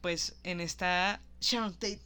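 Bright-voiced woman recapping a film. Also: fairly low pitch, slow pace, clear, resonant tone. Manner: animated, acts out quoted lines. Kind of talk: casual film recap chat.

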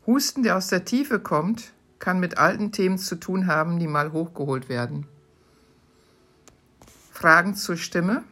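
A woman hosting her podcast, reading short questions aloud from her own book in a calm, measured way. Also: lowish voice. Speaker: podcast host.

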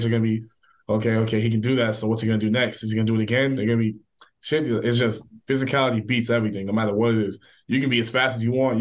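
A young man talking quickly about his game in a loose interview chat. His voice sits at an ordinary pitch, and he rattles through his answers with casual fillers and restarts. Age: young adult. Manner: relaxed, filler-heavy, quick talk. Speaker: college football player.

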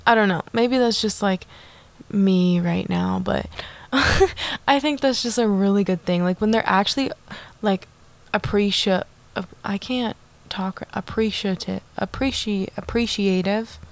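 Unhurried and medium-pitched with vocal fry, a young woman runs a chatty, bubbly solo podcast, sprinkling in "like" and side comments to her listeners.

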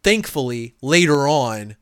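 A man casually talking through a movie review with a co-host, rambling and animated, with lots of filler words. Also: mid-range voice, measured pace, clear, resonant tone. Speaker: podcast co-host.

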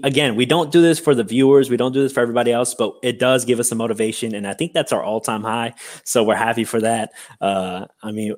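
A man co-hosting a casual podcast, rambling with lots of fillers and restarts as he thanks guests and plugs the show. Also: mid-range voice. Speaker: podcast co-host. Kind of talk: casual chat.

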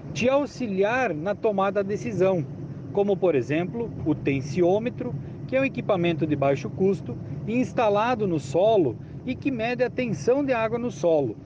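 Male farm advisor, high voice, formal explanatory delivery, clear vehicle noise outdoors. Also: animated, moderate pace. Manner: formal, instructive. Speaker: agricultural extension specialist. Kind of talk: explanatory technical advice to farmers. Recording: dull lo-fi, clearly noisy with outdoor vehicle sounds.

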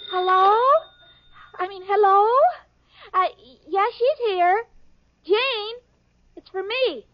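A woman's voice: very high-pitched, slow pace, dry recording. An actress playing Irma, a sweet but scatterbrained young woman, in a 1940s radio sitcom. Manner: dim, earnest, giggly. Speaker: sitcom lead. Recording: muffled old radio broadcast with studio audience.

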